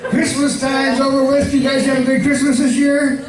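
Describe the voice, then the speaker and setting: A high-voiced older man in his sixties rambles through folksy stand-up stories and often chuckles at his own jokes. He is picked up from a distance in an echoey club. An audience and steady background noise are heard behind him. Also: normal speed, music in the background. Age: 60s. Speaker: stand-up comedian. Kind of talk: stand-up comedy set. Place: comedy club stage. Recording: echoey room from far off, with crowd and noise.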